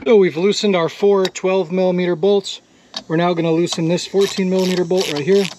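Filming himself outdoors, a DIY mechanic host walks through a jet ski repair step by step, casual and practical, swearing when frustrated. His voice is high with little pitch movement, a little fast, with background noise.

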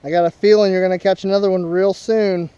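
On a body-worn action camera outdoors, a young father is heard at a pond, patiently coaching his son through fishing in casual chat. He talks fast with a high, clean, dark-toned voice and fairly even intonation. The recording has no room sound and a dull quality.

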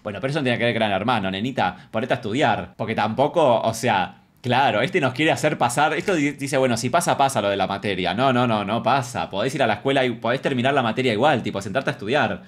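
A man with an Argentine accent rattles off cheeky gossip about a reality show in a casual commentary. His tone is sassy, and he often drops into low mutters. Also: fast, hardly any pauses. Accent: Argentine Spanish.

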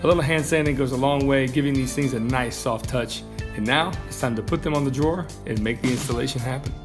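A man's voice: mid-range voice, quick pace. A man in his thirties, the host of a woodworking channel, casually explaining a build in his home workshop. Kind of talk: tutorial voice-over and talk to camera. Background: background music.

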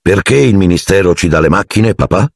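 A man's voice: low-pitched, lively intonation, brisk, creaky, no echo, clean studio sound, heavily acted. A man voicing a stiff, pompous teenage prefect who talks haughtily. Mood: haughty.

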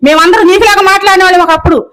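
Fast, high-voiced scolding woman. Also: fairly even intonation, a bit bright, poor audio. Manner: scolding, rapid and repetitive. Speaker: video commenter. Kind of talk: angry rant.

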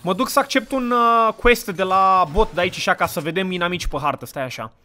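A young man streaming a game, joking with friends in slangy casual chat, with sudden loud outbursts. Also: sits high. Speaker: gaming youtuber.

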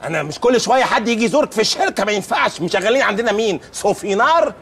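An actor playing a pompous, strict office manager who scolds in Egyptian Arabic with a shrill voice that jumps upward. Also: male voice, lively intonation, very fast, gravelly, fairly bright tone, heavily acted. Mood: scolding. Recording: TV set sound with faint ambient noise.

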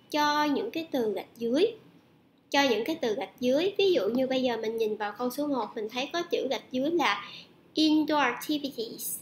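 Female teacher with a Vietnamese accent, high voice, roomy echo, slow drilled repetition. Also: a little hiss or hum. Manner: slow, drawn-out repetition of words for students. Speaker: English teacher. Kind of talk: online lesson, switching between Vietnamese and English.

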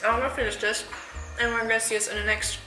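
A woman's voice: fairly high pitch, flat delivery, quick pace. Bubbly young woman gushing over food. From Canada. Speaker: food vlogger. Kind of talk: casual vlog chat. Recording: music playing underneath.

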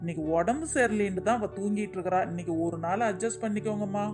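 A voice actor playing a young husband and son in a cartoon, pleading with his mother to calm down. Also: medium pitch, music in the background, lightly acted. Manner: pleading, fast. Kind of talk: cartoon voice acting.

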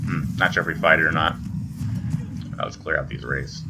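Man, very low pitch, casual gamer commentary, unscripted, game music in background. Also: steady tone, brisk. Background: video game music and sound.

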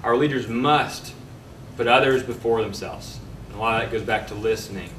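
A young man giving a prepared campaign closing speech as a candidate, earnest and halting with pauses. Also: medium pitch. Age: young adult. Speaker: political candidate. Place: meeting room, at a podium. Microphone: podium mic, picked up by distant camera. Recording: roomy, distant mic, faint background noise.

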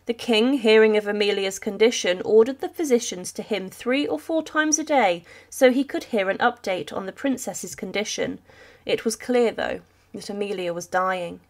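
A woman narrating a history video in a steady, sombre reading voice. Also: mid-range voice.

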